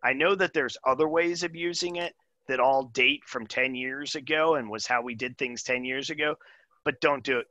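Casual male presenter, bright dry voice, talks through a demo over a video call. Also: mid-range voice, dry recording. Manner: casual, thinks aloud with frequent "right?" and "um". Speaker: presenter demoing software.

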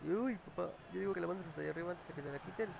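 Racing through his words in a high-pitched, gravelly voice, a Mexican-accented man with a cold commentates his own game and swears at the plays. It's casual gameplay chat captured on a clip-on mic close to his mouth, with a noisy background.

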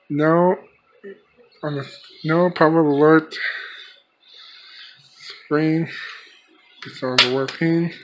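This casual gadget showcase features a man presenting weather radios from a small bedroom, talking in a plain, repetitive, halting manner with a voice that's a little high. The noisy audio comes from the handheld camera he's holding.

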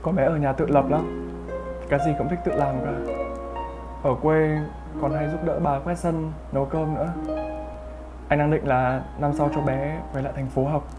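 A man's voice: a little high, fairly even intonation, moderate pace, natural voice. An actor playing a caring father and husband, speaking in a plain, matter-of-fact way. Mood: calm. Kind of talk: web drama acting. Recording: distant voice under loud music.

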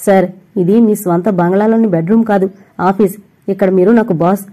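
A woman's voice: medium pitch, steady tone, a little fast, mellow, lightly acted. A woman voicing a proud young female typist in a storybook reading, speaking curtly and with restraint. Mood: angry.

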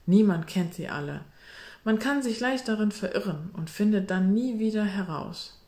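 A woman's voice: mid-range voice, expressive, moderate pace, a little mellow, natural voice. Woman reading as a cheeky schoolboy. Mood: eager. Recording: roomy echo.

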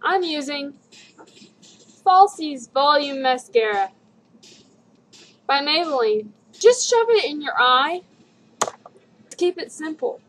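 Giggly tipsy young woman, high voice. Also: very animated, takes it slowly, long pauses, fairly bright tone, poor audio. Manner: giggly, tipsy drunk rambling. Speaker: makeup tutorial vlogger. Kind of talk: casual chat, makeup tutorial. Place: living room at home, indoors. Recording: webcam audio with background noise.

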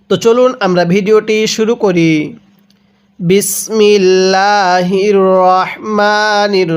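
A man teaching Quran reading, spelling each word syllable by syllable and asking the viewer to repeat after him. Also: high-pitched. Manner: drills syllables aloud, repeating and asking "how will we read?". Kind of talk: slow spelling-out recitation lesson.

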